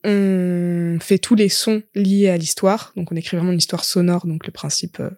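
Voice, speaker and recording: A young woman, a musician guest on a podcast, talking in a relaxed, reflective way with many fillers and restarts. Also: lowish voice, moderate pace, no echo, clean studio sound. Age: young adult. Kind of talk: casual chat.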